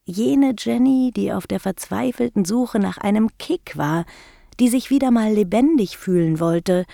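A woman narrating a first-person story in a slow, measured, intimate reading. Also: mid-range voice, creaky, warm tone, no echo, studio quality. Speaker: audiobook narrator.

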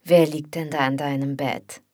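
A woman voicing a grumpy, spoiled young roommate in an audiobook, speaking gruffly and indignantly. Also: low-pitched, level tone, normal speed, a little mellow, no echo, clean studio sound. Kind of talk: audiobook character voice.

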